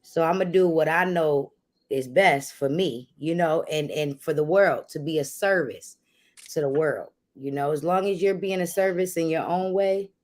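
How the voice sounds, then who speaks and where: A woman's voice: sits low, normal speed. A woman co-hosting a livestream, talking casually in a motivational way. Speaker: livestream co-host, content creator.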